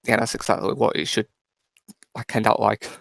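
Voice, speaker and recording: A man calling in to a talk show over a call line, talking in a halting way with fillers and restarts. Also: fairly low pitch, flat delivery, gravelly, fairly bright tone, no room sound. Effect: call-in voice heard over a call line. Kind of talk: casual chat.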